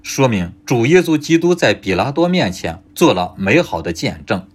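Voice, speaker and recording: A man preaches with emphatic energy, often pausing on rhetorical questions. His voice is slightly husky, and his pitch rises and falls in lively swings. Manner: emphatic, rising and falling delivery with rhetorical questions. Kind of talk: sermon.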